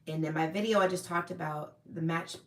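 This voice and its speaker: A woman's voice: deep voice, fairly even intonation, brisk, echoey room. A woman hosting a casual livestream, chatting with viewers in a friendly, rambling way. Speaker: livestream host. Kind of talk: casual live chat answering viewers.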